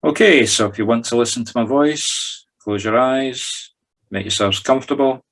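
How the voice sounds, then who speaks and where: A mid-range, slightly bright voice belongs to a Scottish man talking listeners through a guided meditation at a normal speed. His manner is relaxed and conversational, and the session was captured on a group video call.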